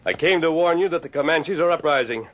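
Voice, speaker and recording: A man with a slightly high, expressive voice speaks fast in a lightly acted style, playing a resolute masked western lawman in an old radio drama. He sounds firm and commanding, urgent and authoritative, issuing clipped commands. The recording is dull, lo-fi vintage radio.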